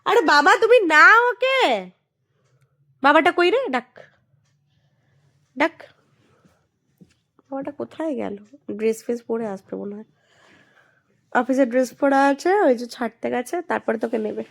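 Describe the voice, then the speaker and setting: A woman's voice: sits high, lively intonation, unhurried, gravelly, long pauses, a bit bright. A woman talking to her baby at home, filming a casual family vlog on a phone in a dim bedroom with playful, coaxing baby talk. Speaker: vlogger mother.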